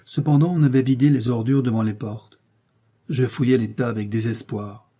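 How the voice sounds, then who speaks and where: A man reading a short story aloud as narrator, in a measured storytelling manner. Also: mid-range voice, steady tone, warm tone, slightly rough. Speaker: audiobook reader. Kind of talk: scripted narration.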